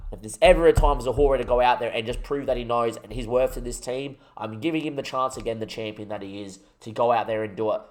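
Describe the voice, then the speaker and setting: Chatting with his stream's viewers, a young gaming streamer narrates his football management game in a medium-pitched voice. He gets excitable, firing himself up with rallying talk as he plays.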